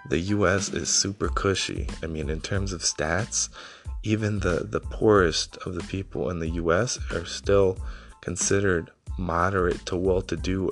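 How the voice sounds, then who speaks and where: A man from Ukraine in his thirties hosting a solo podcast, talking off the cuff in a reflective, motivational way, rambling with lots of "I mean" and "you know.". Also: sits low. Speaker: podcast host. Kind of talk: unscripted solo podcast monologue.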